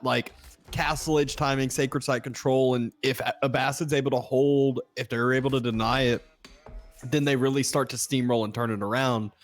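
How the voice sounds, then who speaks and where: A man co-casting an esports match, analytical and rambling, with many filler words. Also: mid-range voice. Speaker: co-caster. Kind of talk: esports commentary.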